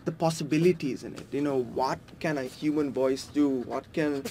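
A man's voice: medium pitch, normal speed, warm tone, slight background noise. A man in his twenties, a beatboxer, explaining his craft in easygoing talk with frequent fillers and restarts. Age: 20s. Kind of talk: casual interview talk.

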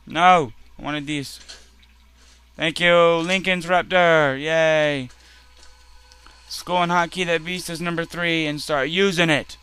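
A man hosting a let's play, talking through his game with loud, profane outbursts at enemies. His voice is bright and forceful and sits a little high for a man. He says he is tired and irritated. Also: steady tone, slow pace, smooth. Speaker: gaming channel host. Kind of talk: casual let's play commentary.

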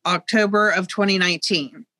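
A middle-aged woman talks over a video call from inside a museum. Her voice is bright and sharp, and she comes across as knowledgeable but pauses with frequent ums. The sound is dry, with very little room. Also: mid-range voice, steady tone, no room sound. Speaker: museum guide. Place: museum exhibit room, indoors. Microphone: video call, webcam.

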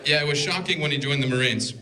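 Speaking quickly in a slightly high voice, this twenty-something best man reads his wedding toast from notes, teasing the couple in a dry way. He holds a handheld microphone in an indoor reception hall, where there's background noise and laughter from the guests.

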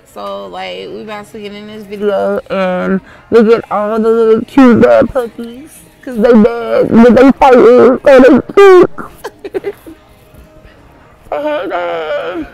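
A woman's voice: a little high, steady tone, slow pace, gravelly, warm tone, highs cut off. A woman filming a casual vlog in a pet store on a handheld phone, giggling and cooing at the animals while she talks to her viewers. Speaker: vlogger.

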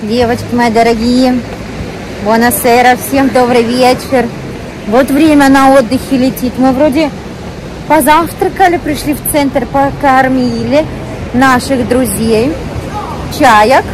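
A woman's voice: high voice, fairly even intonation, measured pace. A young woman chatting casually to her vlog followers in short, affectionate phrases, recorded outdoors with wind on the mic. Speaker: family travel vlogger. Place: outdoors at a seaside resort. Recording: windy outdoor recording with loud ambient noise. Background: wind, people and street noise.

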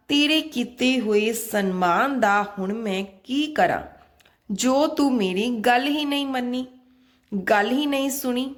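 A woman telling a devotional parable and teaching in a gentle, earnest, measured way. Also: on the high side. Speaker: religious storyteller.

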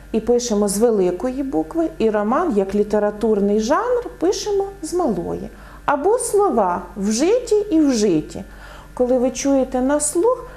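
A woman explaining word meanings in a clear, didactic lesson, giving many examples. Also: on the high side, dark tone. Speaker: language teacher.

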